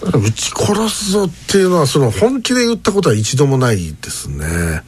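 A man hosting a casual radio chat, telling stories in a lively way. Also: medium pitch, a little fast, husky. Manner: storytelling, lively, chuckling.

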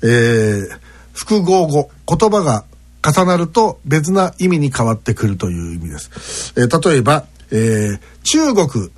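A man hosting a casual web radio show, reading listener mail and acting out word accents with exaggerated pitch swings. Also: big pitch swings, measured pace.

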